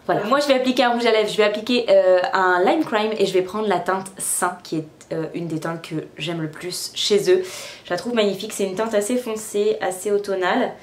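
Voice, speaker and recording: A young woman talks through her makeup routine in a relaxed, chatty way, step by step. Her voice sits at a middle pitch and carries a noticeable echo from the room around her. She often stops for little fillers as she goes. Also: a little fast. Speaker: beauty vlogger. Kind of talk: casual makeup tutorial narration. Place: room at home.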